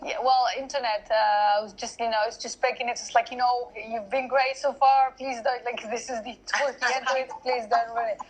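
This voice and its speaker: A woman hosts a live online interview over a video call, chatty and quick to laugh as she repeats directions for viewers in casual live-stream style. Her slightly high voice moves little in pitch and runs fairly fast with few pauses. The recording is rough.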